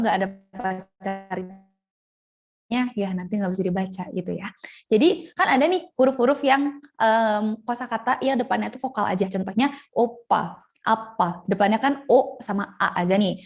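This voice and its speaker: A young woman teaching a Korean lesson over a video call, chatty and playful, slowly sounding out syllables. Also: mid-range voice, a little mellow. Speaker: Korean language tutor. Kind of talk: online language lesson.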